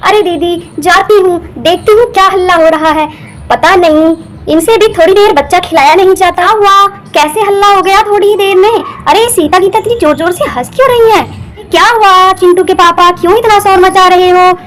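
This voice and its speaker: A woman's voice: extremely high pitch, moderate pace, fairly bright tone, low-quality recording. A woman acting a busy young village mother in a homemade doll story, chatty and bustling. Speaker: doll story narrator and voice actor.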